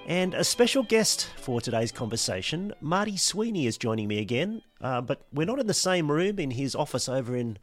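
A man's voice: on the high side, big pitch swings, a little fast, hardly any pauses, faint music behind. A man hosting a podcast, chatting in an easygoing way over a remote call, his voice slightly muffled from a cold. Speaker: podcast host. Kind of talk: casual conversation.

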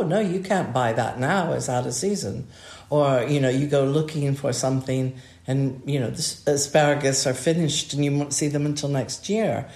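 A woman's voice: extremely low pitch, a little mellow. Older woman, roomy and reflective. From United States. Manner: reflective, rambling with restarts. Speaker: podcast co-host. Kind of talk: relaxed conversation. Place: home by a fireplace. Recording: roomy echo.

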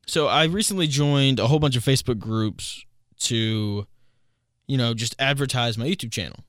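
A man's voice: medium pitch, normal speed, a bit bright, no echo, clean studio sound. A man in his twenties hosting a casual solo podcast, amused and often laughing at his own stories. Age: 20s. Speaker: podcast host.

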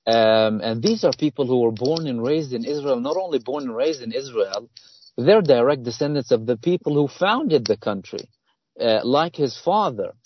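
A man from Palestine, a guest author in an interview, talking earnestly and haltingly with many fillers and restarts. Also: medium pitch, lively intonation, dull audio, slight background noise. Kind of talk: interview conversation.

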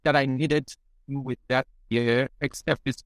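Male guest, gravelly mid-pitched voice, thoughtful, restarts his sentences often. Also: fairly even intonation, dry recording, poor audio. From Nigeria. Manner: halting, thoughtful, with many restarts. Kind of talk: casual interview.

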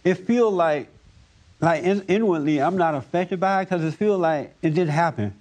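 At a normal speed, a man speaks in a slightly high, somewhat mellow voice. He's hosting a casual discussion on preaching, leading the group and taking audience questions. The way he talks is folksy and plain, with loose grammar.

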